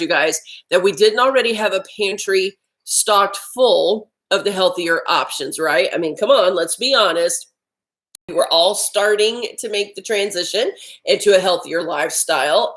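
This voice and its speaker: A woman's voice: medium pitch, a bit bright, low-quality recording. A woman hosting a casual live-stream chat about healthy eating, talking while she eats lunch at home. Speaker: health vlog host.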